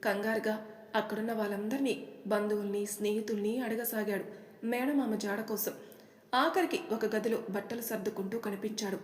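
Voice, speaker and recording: A woman telling a story in calm, measured scripted narration. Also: mid-range voice. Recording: echoey room with long reverb.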